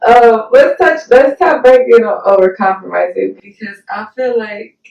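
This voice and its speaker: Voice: mid-range voice, normal speed, gravelly, darkish tone, lo-fi sound. A co-host in a casual, candid chat who talks things through reflectively and checks that they are understood. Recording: echoey room, far from the mic.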